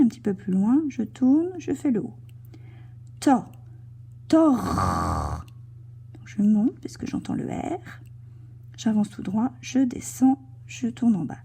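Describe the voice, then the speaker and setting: In a children's handwriting lesson, a woman slowly and gently narrates each cursive stroke she makes, now and then lowering her voice to a soft whisper. She speaks a little high, with a slightly rough texture.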